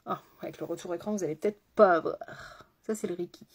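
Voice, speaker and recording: A woman's voice: on the low side, fairly even intonation, a little fast, slightly rough. A woman makeup artist chatting through a live makeup tutorial, talking straight to her viewers with rambling asides.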